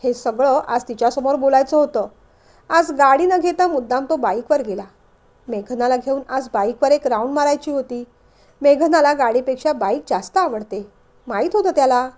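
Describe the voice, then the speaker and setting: A woman narrates an emotional family story in a calm, measured way. Her voice is high-pitched but mellow and dark in tone. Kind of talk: story reading.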